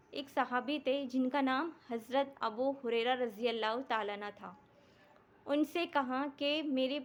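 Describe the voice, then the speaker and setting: High-voiced woman teaching religion. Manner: asks the listeners questions, with frequent tag questions. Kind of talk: religious talk with storytelling.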